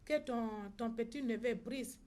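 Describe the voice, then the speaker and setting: A woman's voice: a little high, a little slow, a little mellow. A middle-aged woman with an Ivorian French accent, a mother recounting events at a press conference and acting out the dialogue she reports. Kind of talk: personal account at a press conference.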